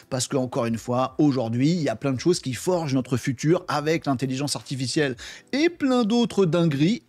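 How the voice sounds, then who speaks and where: A man hosting a casual tech news show, talking in an animated, emphatic way with lots of slang and asides. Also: fairly high pitch, no room sound. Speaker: host of a tech news channel.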